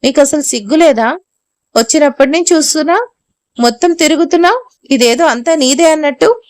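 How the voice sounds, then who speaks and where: A woman voices a domineering middle-aged mother who scolds harshly. The voice sits high, and the recording is dry and close. It belongs to a spoken storybook. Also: animated, a little fast, no echo. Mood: angry.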